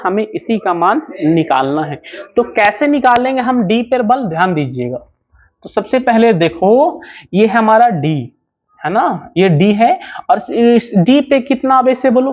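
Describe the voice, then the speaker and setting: A man teaching physics at a board, explaining slowly and over and over, asking questions and answering them himself. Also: sits high. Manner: keeps asking and answering his own questions; slow, repetitive explaining. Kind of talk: whiteboard lecture. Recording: slightly dull lo-fi sound.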